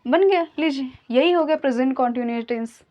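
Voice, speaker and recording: A woman teaching English grammar in Hindi, patiently explaining and slowly repeating example sentences. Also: high voice, a little mellow, lo-fi sound.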